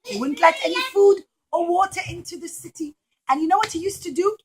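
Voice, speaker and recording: Speaking briskly, a woman with a high voice tells young kids a story during a puppet show. She keeps her words simple, addresses the children directly, and lays on dramatic emphasis.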